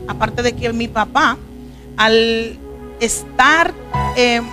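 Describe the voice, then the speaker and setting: Very slowly and in a slightly high voice, a Dominican-accented woman from the Dominican Republic, a preacher appearing as a guest, relates her life story. The testimony interview is earnest and emotional, with music in the background.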